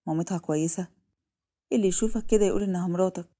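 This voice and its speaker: A woman's voice: lowish voice, racing, lightly acted. Woman voicing a chatty kind nurse. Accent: Egyptian Arabic. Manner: warm, chatty, reassuring.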